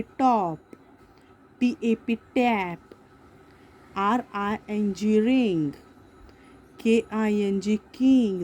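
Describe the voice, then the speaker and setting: A woman's voice: medium pitch, mellow. A woman teaching a children's grammar lesson, mixing words into her talk. She spells each word letter by letter, asks questions and answers them herself.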